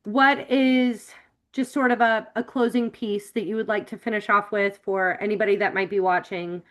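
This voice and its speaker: A woman from Florida hosts a relaxed interview over a video call. She talks in an easy, chatty way, trailing into fillers as she frames her questions. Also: mid-range voice, moderate pace. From Florida, United States. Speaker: interview host.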